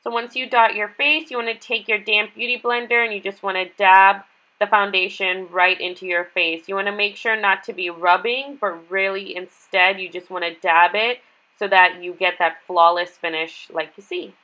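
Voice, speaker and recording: A young woman talks casually through a beauty tutorial in a bright, forward voice. She has a nasal whine and sounds congested with a cold, speaking at a medium pitch. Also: fairly even intonation, normal speed, rough recording. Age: 20s. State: nasal, congested from being sick. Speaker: beauty vlogger. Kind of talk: makeup tutorial narration, casual. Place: small bedroom, indoors.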